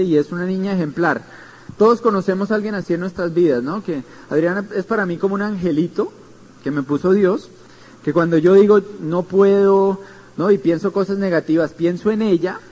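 A man's voice: sits high, darkish tone, lo-fi sound. A man with a Colombian accent giving a motivational seminar talk, telling his story earnestly and speaking straight to his listeners. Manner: earnest storytelling, addresses listeners directly with tag questions.

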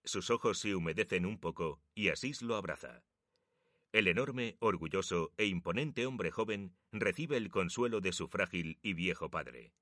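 A man narrating a story in a measured, emotive reading. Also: deep voice, lively intonation, sharp tone, no echo, clean studio sound.

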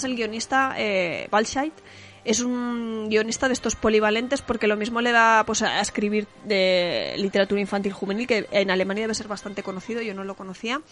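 A woman's voice: medium pitch, a bit bright. A woman recommends a children's comic on a radio show in a chatty, colloquial way. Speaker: radio book reviewer. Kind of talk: enthusiastic book recommendation.

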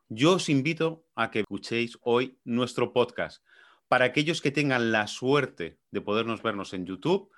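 Male podcast host, Spain accent, medium pitch, presenting to listeners. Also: a bit bright. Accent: Spain Spanish. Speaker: podcast host, marketing manager. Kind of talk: podcast introduction addressed to listeners.

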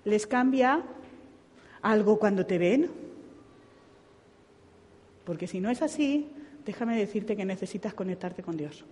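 A woman preaching a sermon, telling stories and acting out other people's voices in an animated way. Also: medium pitch. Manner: animated storytelling with impersonated voices. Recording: long hall reverb.

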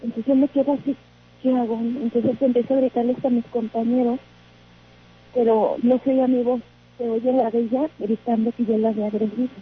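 A woman's voice: a little high, flat delivery, a little fast, breathy edge. Shaken woman on a tinny phone line. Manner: hesitant, many fillers and restarts. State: shaken, trembling. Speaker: caller. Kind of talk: telling a personal story.

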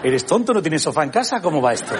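Man, stand-up comedian, acts out dialogues, very lively pitch, loud audience laughter. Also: fast talker, over a noisy crowd. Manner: animated, acts out both sides of dialogues. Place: comedy stage before a live audience. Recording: live audience laughter, noisy theatre.

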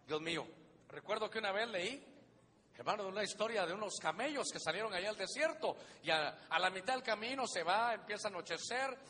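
A man's voice: sits high, sharp tone. A man preaching a sermon as a pastor, emphatic and addressing the congregation as brother, acting out voices in his stories. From Honduras. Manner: emphatic preaching, often says "hermano", acts out voices in stories. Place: church hall. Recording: live church recording with long reverb and faint hum.

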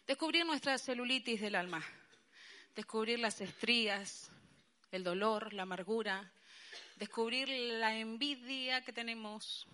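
Una pastora con acento colombiano predicando un sermón animado y enfático a un grupo de mujeres. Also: female voice, a little high. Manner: lively, emphatic preaching with colloquial asides. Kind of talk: sermon to a women's gathering.

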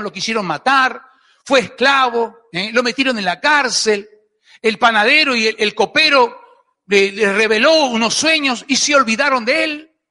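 High, bright Argentine preacher in a hall. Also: male voice. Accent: Argentine Spanish. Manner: emphatic preaching with frequent rhetorical "¿eh?" and repetitions. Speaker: pastor. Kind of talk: sermon. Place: church hall. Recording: echoey church hall.

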